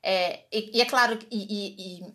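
A young adult woman with a Brazilian Portuguese accent, co-hosting a casual podcast chat and telling animated, laughing stories with many restarts. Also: mid-range voice, measured pace. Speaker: podcast co-host.

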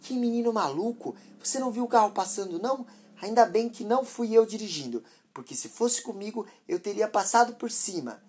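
A woman's voice: medium pitch, lively intonation, fairly quick, hardly any pauses, a little mellow, slightly rough, pitched above the performer's own voice. A woman voicing a harsh, impatient mother who scolds sharply and dismissively. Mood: scornful.

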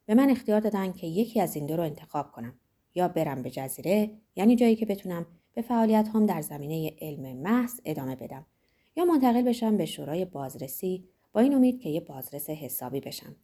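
A woman reading the part of a stern, ironic older male world controller in a measured, lecturing way, her voice dropped lower than her narration. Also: big pitch swings, dark tone. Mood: reflective.

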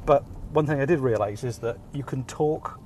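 Over a little hiss or hum, a Welsh man in his thirties talks at normal speed in a mid-range, darkish voice. He's a podcast host delivering a casual, self-deprecating, jokey monologue with many ums, recorded on a phone hands-free kit while driving.

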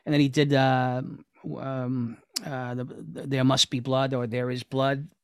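A man's voice: mid-range voice, flat delivery, a little slow, clean tone, no echo, studio quality. A man from New York co-hosting a podcast, chatting casually, agreeable and asking questions. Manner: agreeable, asks questions, many fillers. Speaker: podcast co-host. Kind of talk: casual chat.

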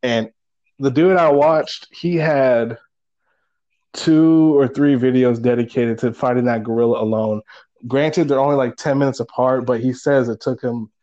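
A man's voice: medium pitch, fairly even intonation, measured pace, mellow, highs cut off. A man co-hosting a casual gaming chat over a remote call, rambling, swearing and laughing as he tells stories. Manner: rambling, profane, laughs often. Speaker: podcast co-host. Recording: call audio, at times garbled.

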